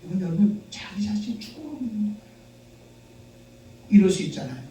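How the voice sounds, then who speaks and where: Animated high-voiced preaching man in echoey hall. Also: brisk, far from the mic, slight background noise. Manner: animated, call-and-response preaching with rising shouts. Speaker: pastor. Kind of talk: sermon. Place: church sanctuary.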